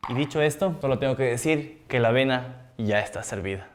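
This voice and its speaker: A woman's voice: extremely low pitch, brisk, slight background noise. A woman hosting a satirical news segment with a wry, sarcastic delivery. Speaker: host.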